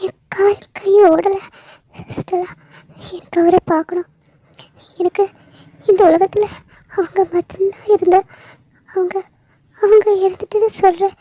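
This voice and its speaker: A woman's voice: very high-pitched, a little mellow, no room sound, voice pushed up. A woman voicing a young woman who pleads and cries, slipping Tamil words into Malayalam. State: crying. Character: young woman, anxious then grief-stricken. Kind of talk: audio story role-play.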